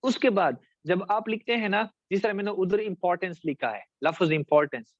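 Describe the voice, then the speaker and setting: A man with a Pakistani Urdu accent gives a classroom lecture in a high voice, and the sound is dry and close. He often stops to ask his students whether they follow, and he draws words out slowly to show their syllables. The recording is a little dull and muffled. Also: no echo. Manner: addresses students directly, checks understanding. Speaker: teacher. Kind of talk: classroom lecture on essay writing.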